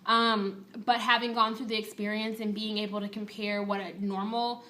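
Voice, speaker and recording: A woman's voice: mid-range voice, little pitch movement, moderate pace, sharp tone, a little hiss or hum. A woman vlogger giving a casual, chatty and candid personal update to her viewers.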